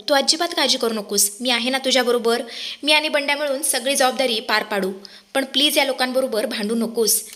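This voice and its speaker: A woman reading the part of a calm young man who soothes and reasons gently. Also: high-pitched.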